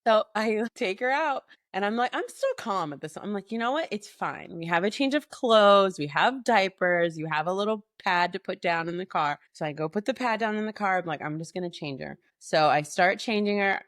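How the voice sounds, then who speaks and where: A woman's voice: medium pitch, normal speed, few pauses, dry recording, studio quality. A young woman co-hosting a casual podcast, telling a long story with lots of "like" and "literally". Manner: animated storytelling, frequent "like" and "literally". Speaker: podcast co-host. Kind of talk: casual chat.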